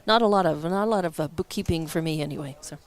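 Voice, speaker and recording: A woman's voice: low voice, fast talker. A woman doing color commentary at a local baseball game, friendly and conversational with rambling asides.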